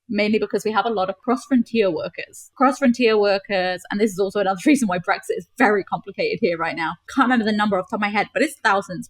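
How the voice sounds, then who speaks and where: A woman's voice: medium pitch, no room sound. A young woman from Gibraltar, a podcast guest explaining things in a chatty way, often using "like" as a filler. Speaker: podcast guest, travel creator. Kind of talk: casual chat.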